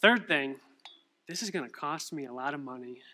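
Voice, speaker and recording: A young man preaches a sermon, his voice bright and forceful, sitting a little higher than most men's. He tells stories and throws rhetorical questions at the congregation with lively energy. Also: moderate pace. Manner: animated storytelling with rhetorical questions. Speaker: pastor.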